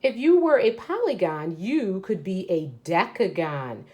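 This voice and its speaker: With a mid-range voice, big pitch swings and an unhurried pace, a woman teacher at an elementary school reads to children and explains the text along the way. She frequently asks questions and answers them herself, with background noise in the recording.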